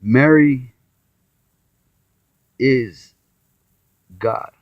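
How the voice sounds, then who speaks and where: A weary man talks slowly through his thoughts on scripture, drifting and circling back with sighs and restarts. His voice sits in a middling register and comes across dull and muffled, dry with no room sound. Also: mid-range voice, no room sound. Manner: meandering, with sighs, restarts and acted-out quotes. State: tired. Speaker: self-taught Bible commentator. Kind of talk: casual rambling Bible talk to camera.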